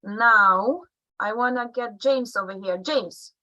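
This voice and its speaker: Her voice is fairly high, pushed and bright, coming through a computer mic on a video call as a dry, rough recording. She is a physician, a native Russian speaker, leading an online session where she slowly and patiently coaches colleagues through stroke exam phrases, laughing as she goes.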